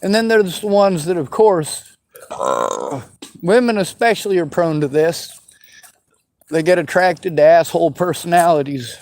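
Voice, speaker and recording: Answering viewer questions on his vlog, a western US man in his forties talks bitterly and swears in an angry, unscripted monologue. His slightly mellow voice sits high, unhurried and broken by long pauses, and the poor audio has no echo.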